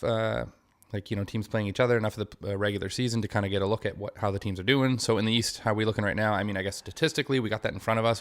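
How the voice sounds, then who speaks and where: A man co-hosting a casual sports podcast, rambling with many fillers and restarts. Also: on the low side. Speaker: podcast co-host.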